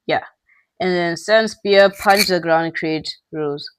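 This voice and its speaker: A male gaming channel host giving excitable, slangy live gameplay commentary with quick outbursts. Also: sits high, clean tone, no echo.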